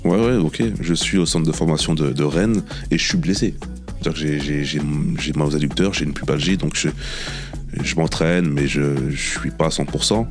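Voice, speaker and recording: A former professional footballer chatting as a guest, telling animated anecdotes and repeating himself often. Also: male voice, very deep voice, moderate pace, music in the background. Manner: animated anecdotes with many repetitions and "tu vois". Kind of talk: casual storytelling interview.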